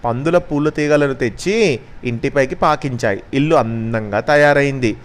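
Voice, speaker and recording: A man narrating a children's story as a storyteller, expressive and gentle. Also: medium pitch, moderate pace.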